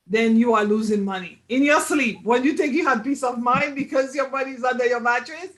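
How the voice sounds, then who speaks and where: Casting: high-pitched male host, emphatic, keeps asking "right?", live online chat. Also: a little fast, a bit bright. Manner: emphatic, checks agreement with repeated "right?". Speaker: host of money talk show. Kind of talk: casual panel chat.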